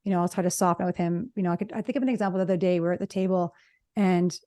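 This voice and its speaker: A middle-aged woman, a relationship psychologist, talking fast and telling animated stories in a casual conversation. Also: on the low side, dry recording, studio quality. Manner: fast talker, animated storytelling. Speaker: podcast co-host, relationship psychologist.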